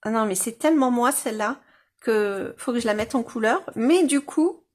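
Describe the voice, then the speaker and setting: A woman's voice: on the high side, normal speed. A woman chatting casually and rambling with many fillers as she shows her colorings to viewers. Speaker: coloring-book YouTuber.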